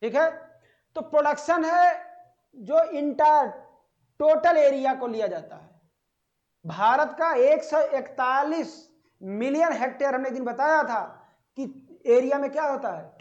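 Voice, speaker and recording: The recording is dull and lo-fi: a very high-pitched man teaching agriculture for exam preparation. He asks his class questions, responds to them himself, and slowly elongates important words.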